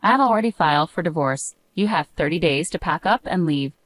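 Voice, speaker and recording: A woman's voice: sits low, lively intonation, brisk, no echo. A woman voicing a young wife reading out a cool, defiant farewell letter in a story.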